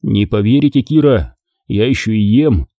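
A man's voice: lowish voice, moderate pace, no room sound, phone-quality sound, natural voice. A man voicing a tired, grumbling army captain with a dry wit in an audiobook. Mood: wry.

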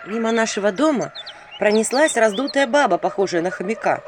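A woman reading a storybook aloud in a lively, flustered first-person telling. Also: mid-range voice, a little fast, noisy background. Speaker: audiobook reader. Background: background music.

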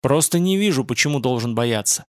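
A man's voice: mid-range voice, lively intonation, brisk, dry recording, clean studio sound, natural voice. A man reading an audiobook, voicing a guarded, terse young male warrior.

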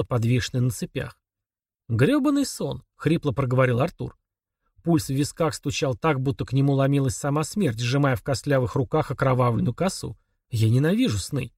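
A man reading a horror novel aloud as narrator, in a slow, dramatic manner with quiet pauses. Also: medium pitch, no echo, studio quality. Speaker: audiobook narrator.

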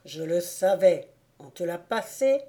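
A woman's voice: fairly low pitch, expressive, measured pace, mellow. Woman voicing a thundering old schoolmaster. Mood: stern. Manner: thundering, ironic scolding. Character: stern elderly male schoolmaster. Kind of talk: audiobook character voice.

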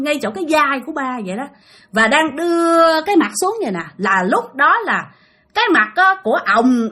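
A woman's voice: sits high, bright, forceful tone. A woman telling a ghost story in a chatty, casual way, speaking straight to her listeners. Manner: chatty, addresses listeners directly.

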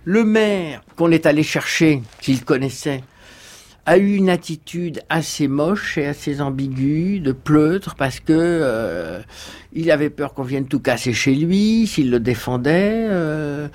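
A man's voice: fairly high pitch, expressive, takes it slowly, darkish tone. A man interviewed for a documentary, recounting events hesitantly with many fillers and restarts. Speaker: interviewed guest.

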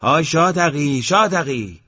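A man doing a loud, weary village musician. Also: medium pitch, big pitch swings, breathy edge, long reverb tail. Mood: calling out. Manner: loud, exclaiming. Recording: dull lo-fi audiobook recording.

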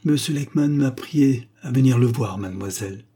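A man's voice: mid-range voice, moderate pace, dark tone, husky, close to an everyday voice. A man reading aloud and voicing a polite, earnest young officer in a storybook. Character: gallant young male officer, eager and courteous.

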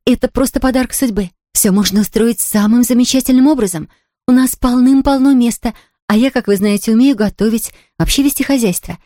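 A woman reading aloud, voicing an eager, chatty young girl who talks in quick exclamations. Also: on the high side, warm tone, no room sound, studio quality, pitched above the performer's own voice, natural voice. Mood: excited. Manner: breathless, rapid, exclamatory.

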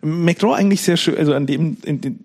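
A man's voice: a little high, quick pace, a little mellow. A man co-hosting a casual podcast, rambling and restarting sentences in a nostalgic, chatty way. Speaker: podcast co-host. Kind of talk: casual chat.

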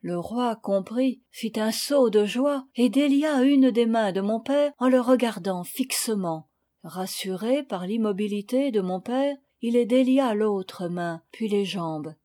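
A woman reading a children's novel aloud, with calm, measured storytelling that rises in dramatic moments. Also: on the high side. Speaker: audiobook reader. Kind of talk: scripted narration.

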